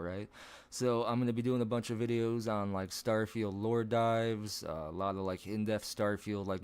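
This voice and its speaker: A man with a smooth, low voice that breaks into strange higher notes rambles on a casual home live stream. He swears freely and laughs at his own remarks.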